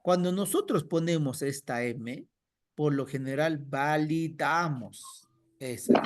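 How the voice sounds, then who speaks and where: A male teacher leads an online class at an unhurried pace, letting his pitch rise and fall freely as he explains. He questions students one by one and repeats answers slowly so they can follow. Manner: patient, questions students by name. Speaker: language teacher.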